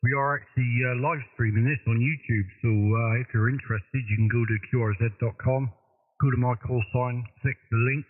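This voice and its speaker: A man working as a radio operator over a crackly two-way radio, courteous and relaxed, giving call signs. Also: mid-range voice, fairly quick, dry recording. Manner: relaxed and courteous, saying sir often. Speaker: amateur radio operator on a live stream. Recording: crackly narrow-band radio with static noise.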